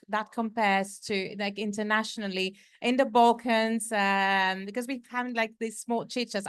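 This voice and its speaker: A woman's voice: medium pitch, clean tone, no room sound. A woman from Greece speaking as a panelist in a conference discussion, talking conversationally with many fillers.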